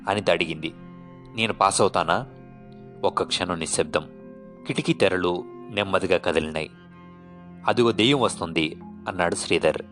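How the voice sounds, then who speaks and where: A man reading a horror story aloud as a narrator, in a calm storytelling way, lifting his voice for the characters' lines. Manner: calm storytelling, voicing characters with raised pitch. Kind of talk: scripted audiobook narration.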